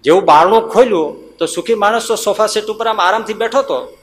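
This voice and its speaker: A man preaching as a monk, telling a story in a sermon with a Gujarati accent, dropping softer and lower for the characters' words and rising to emphatic bursts. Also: fairly quick, a little hiss or hum. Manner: acts out the characters' lines in softer, lower tones; rises to emphatic high bursts.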